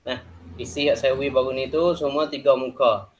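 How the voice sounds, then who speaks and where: A man teaches a class in a loose, repetitive manner. He explains the lesson with many "ha" and "nah" fillers, at a middle pitch. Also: steady tone, fairly quick, a little hiss or hum.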